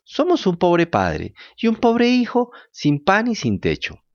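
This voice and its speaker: A man's voice: huge pitch swings, takes it slowly, dull audio, full character voice. A man voicing an eager wooden puppet boy who pleads and gets tearful, in a storybook reading. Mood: pleading. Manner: high, bright and pleading.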